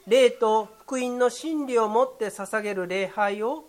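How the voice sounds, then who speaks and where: Measured, formal pastor preaching. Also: medium pitch. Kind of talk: sermon.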